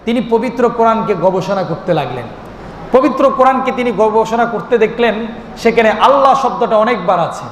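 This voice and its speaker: Man, preacher, very high pitch, rhythmic sermon, questions to the crowd, long reverb over a loudspeaker. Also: animated, brisk, slight background noise. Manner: chants and sings the name of God. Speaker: Islamic preacher. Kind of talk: Bengali waz sermon. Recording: echoing amplified sound in a long reverberant space.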